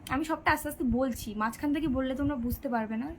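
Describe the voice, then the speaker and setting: A woman's voice: high voice, quick pace, a little hiss or hum, rough recording. A sixteen-year-old girl chatting on a live stream, reading out viewers' comments and answering their questions. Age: teenager, 16. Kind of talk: casual live-stream chat.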